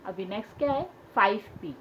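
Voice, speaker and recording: A woman's voice: medium pitch, lively intonation, brisk. A woman teaching a school maths lesson, patiently repeating key points and asking questions as she explains. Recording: dull lo-fi sound with faint hiss.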